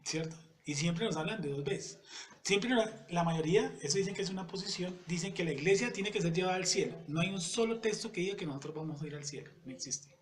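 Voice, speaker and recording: A man teaching a Bible study in a conversational way. He often checks in with the audience and reads scripture verses slowly and deliberately. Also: sits high. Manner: conversational, keeps asking "yes or no?" to the audience.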